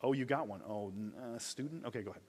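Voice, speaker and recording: A man teaching a Bible class at church in a relaxed, conversational way, asking rhetorical questions and often correcting himself mid-sentence. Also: medium pitch, fast talker.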